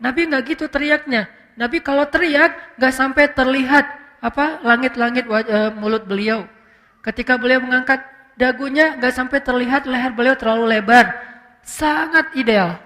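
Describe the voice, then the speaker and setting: A man's voice: extremely high pitch, normal speed, bright, forceful tone. A man preaching in a casual, conversational way, telling a story with slang and frequent "apa" fillers. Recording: long reverb of a hall.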